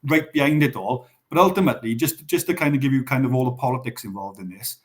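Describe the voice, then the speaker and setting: A guest on a pigeon racing show, a man with a Welsh accent and medium-pitched voice, speaks fast during a live Q&A discussion, explaining at length and restarting frequently.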